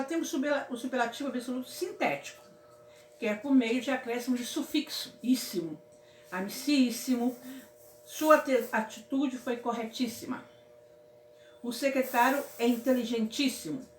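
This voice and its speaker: A woman from Brazil teaching a casual grammar lesson in a fairly high voice. She keeps checking in with her students in an affectionate way. The room is echoey, with a faint hum of ambience behind her. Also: moderate pace, a bit bright. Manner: affectionate, repeats "certo, meus amores?".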